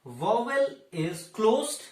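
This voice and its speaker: A man with an Indian accent giving a lecture, explaining slowly and repeating key terms as he moves between Hindi and English. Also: high-pitched, sing-song, a little mellow. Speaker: teacher. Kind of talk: classroom lecture. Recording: roomy echo, voice from a distance.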